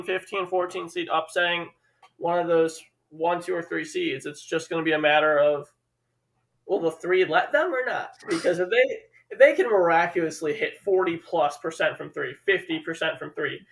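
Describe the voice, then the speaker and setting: A man's voice: high-pitched, vocal fry, fairly bright tone, low-quality recording. A man with a Chicago accent co-hosting a casual sports commentary stream, calling plays and teasing his partner. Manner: teasing, quick play-by-play. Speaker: co-host and commentator.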